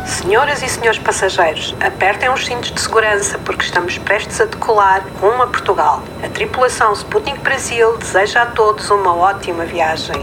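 A woman speaks as an airline pilot would over the cockpit intercom, in a formal announcer tone. Her voice sounds set back from the mic. Clear music plays underneath. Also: medium pitch, fairly quick, few pauses, rough recording. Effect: airplane cockpit intercom announcement. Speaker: program bumper voice. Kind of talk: mock in-flight cabin announcement.

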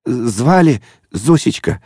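A man's voice: medium pitch, big pitch swings, slow pace, dark tone, breathy edge, no room sound, clean studio sound, voice pushed up, heavily acted. A man voicing a stern but timid young traffic militiaman who mumbles cautiously and deferentially.

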